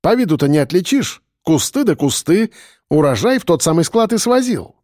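Brief: man playing a worn-out, measured police chief in an audiobook, mellow voice, dry sound. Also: a little high, no room sound, pitched above the performer's own voice. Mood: weary, even. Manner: weary, even and measured. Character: tired, weary middle-aged male police lieutenant colonel. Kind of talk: audiobook reading.

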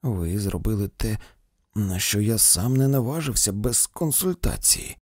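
A man's voice: lowish voice, animated, darkish tone, no room sound, clean studio sound. A man reading a grave, muttering doctor. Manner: measured, muttering. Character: middle-aged male doctor, measured and defensive.

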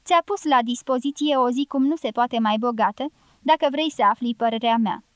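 A woman's voice: fairly high pitch, no room sound, lightly acted. A woman reading a skeptical young man's thoughts. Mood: musing. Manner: wry, reasoning inner monologue. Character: young American man, dry and skeptical.

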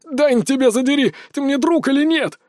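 A man voicing a young male senior student, a brawler who shouts, wheezes in pain and threatens revenge. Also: very high-pitched, normal speed, no echo, clean studio sound, voice pushed up. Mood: pleading.

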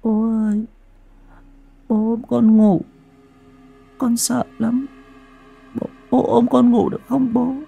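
A man voicing an eerie five-year-old boy with a cold, drawn-out childlike voice. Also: very high-pitched, little pitch movement, gravelly, mellow, husky, faint music behind, pitched above the performer's own voice, full character voice. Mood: eerie pleading.

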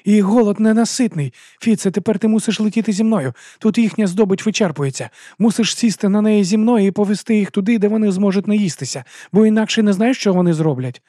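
A male narrator voicing an excitable male jester, breathless and urgent, with loud exclamations. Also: high voice, a little fast, hardly any pauses, no room sound, clean studio sound, voice pushed up, lightly acted. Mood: urgent, excited. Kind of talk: audiobook character voice.

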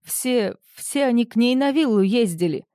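A woman reading the part of a panicking man who owns the villa, frantic and shouting in an audiobook. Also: fairly high pitch, expressive, moderate pace, no room sound, studio quality, pitched above the performer's own voice, natural voice. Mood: panicked. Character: panicking middle-aged man, villa owner.

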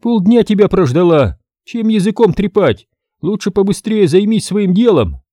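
A male reader voices a rude, indignant brunette woman. She scolds in a high, piercing voice that leaps around wildly. The sound is close and completely dry. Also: very animated, moderate pace, warm tone, dry recording. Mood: scolding. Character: stately brunette woman, shrill, rude, quarrelsome.

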